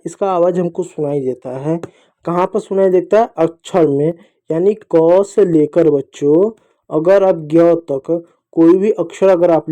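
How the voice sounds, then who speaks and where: A man's voice: fairly high pitch, warm tone. A man teaching young children a lesson, patiently repeating each sound and asking and answering his own questions. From India.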